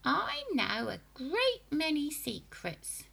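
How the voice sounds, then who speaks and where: A woman voicing a nasty old grandmother, a menacing witchlike hag with a high, creaky, whispery and throaty voice, who talks slowly and gloats over every word. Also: huge pitch swings, sharp tone, exaggerated voice. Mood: coaxing. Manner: slow, gloating, relishing each word.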